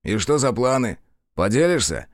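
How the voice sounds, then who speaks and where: A man's voice: medium pitch, very animated, moderate pace, no echo, clean studio sound, voice pushed up, natural voice. A man voicing a guilty, fawning young detective who pleads and wheedles with his partner. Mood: businesslike.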